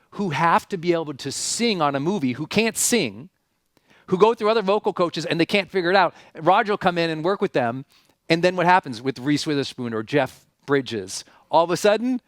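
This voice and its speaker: A motivational speaker with a voice on the high side hosts a seminar, recorded in studio quality without echo. He tells stories emphatically, leans on repeated phrases and rhetorical questions, and brings on a guest.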